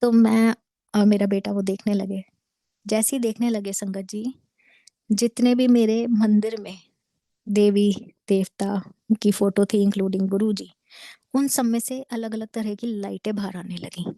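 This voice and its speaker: A woman in her thirties earnestly telling a devotional story to a congregation, mixing in English words and dropping to a hush at tense moments. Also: mid-range voice, steady tone, unhurried, no room sound. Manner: drops to a hushed near-whisper at tense moments. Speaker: devotee sharing a testimony. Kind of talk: devotional satsang testimony.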